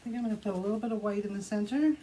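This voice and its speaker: Warm-toned and mid-range, a woman leads a relaxed craft demonstration for an art tutorial, describing each of her actions at an easy pace as she works. Clear background noise marks the rough recording.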